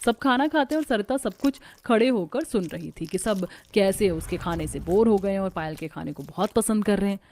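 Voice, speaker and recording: A woman giving scripted narration of a family story in an even storytelling tone. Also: medium pitch, fairly quick, few pauses, slight background noise.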